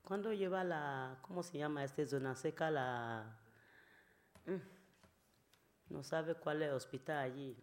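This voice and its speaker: Non-native woman, personal testimony; slow, halting, pleading delivery with frequent fillers. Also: low voice. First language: not Spanish. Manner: halting, learner's Spanish with many fillers; emotional, pleading.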